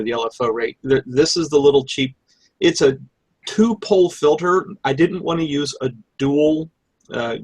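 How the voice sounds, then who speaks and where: A man's voice: mid-range voice, vocal fry, husky, no echo. A man giving an informal technical show-and-tell as an electronics presenter. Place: live online hangout with screen share.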